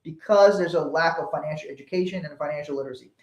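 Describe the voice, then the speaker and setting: This financial webinar presenter, a man from Liberia in West Africa, talks fast in a voice that sits on the high side and sounds a little mellow. He explains in a conversational way, using acted-out exchanges as illustrations. The recording carries a roomy echo.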